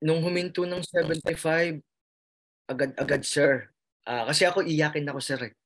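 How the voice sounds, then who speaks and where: A man's voice: on the high side, moderate pace, a bit bright. A Filipino man with a Filipino accent, a nurse telling his story in an emotional interview, earnest and full of restarts and fillers, often calling the host sir. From Philippines. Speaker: interviewee, nurse who passed the licensure exam.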